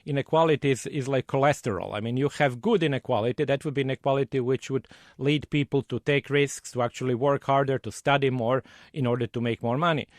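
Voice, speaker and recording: A man giving explanatory interview answers as an expert guest, somewhat haltingly, repeating words. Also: medium pitch, steady tone, no room sound, clean studio sound. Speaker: economist and author interviewed.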